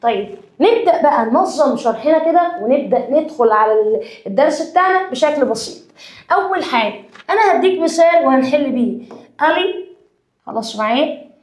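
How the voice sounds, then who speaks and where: A woman with an Egyptian accent teaching an English grammar lesson. She dictates slowly and often checks in with her students. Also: high voice, animated, roomy sound. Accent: Egyptian Arabic.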